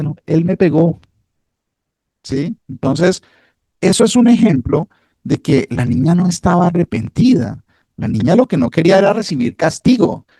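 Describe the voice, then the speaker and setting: A man's voice: high voice, dark tone, dry recording, clean studio sound. A man preaching a sermon in a conversational way, often asking rhetorical questions and repeating phrases for emphasis.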